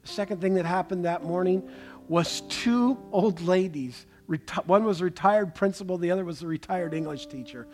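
A man preaching a sermon, telling stories with animated, jokey asides. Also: sits high, moderate pace, faint music behind. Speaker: pastor.

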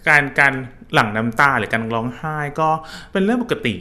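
A man co-hosting a casual science chat, chiming in often and adding explanations that pause and restart. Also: mid-range voice, sing-song, pushed and bright, slight background noise.

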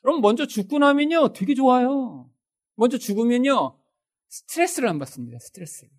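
A man's voice: very high-pitched, sing-song, a little fast. A man preaching a conversational sermon as a pastor, acting out everyday quotes.

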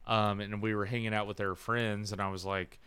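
A man's voice: fairly low pitch, flat delivery, fairly quick, sharp tone, clear, resonant tone, no echo. A man on a podcast mic, ranting in casual chat, profane and heated. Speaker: podcast co-host.

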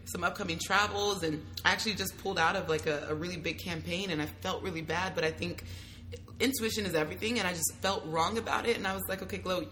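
A young adult woman, a travel content creator, talking casually as an interview guest, lively, slangy and quick to laugh. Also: on the low side. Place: at a travel festival.

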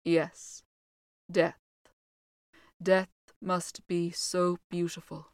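A woman reading the part of a weary centuries-old male ghost, speaking slowly in a low, dreamy way. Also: level tone, a little mellow, no room sound, studio quality. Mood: sad, dreamy.

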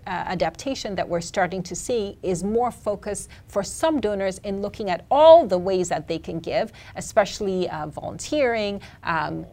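A woman researcher giving measured, explanatory answers in an interview about charitable giving. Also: on the low side, a little mellow. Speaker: philanthropy researcher.

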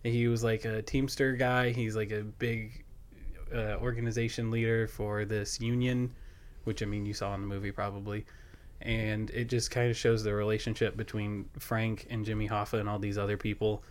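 A man's voice: lowish voice, flat delivery, normal speed. Rambling young man hosting a podcast. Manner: rambling, filler-heavy, laughs often. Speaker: podcast host. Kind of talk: casual chat.

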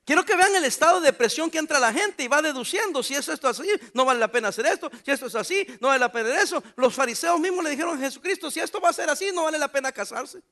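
A pastor preaches animatedly, cracking jokes and calling out to the congregation. His very high voice moves fast, with few pauses.

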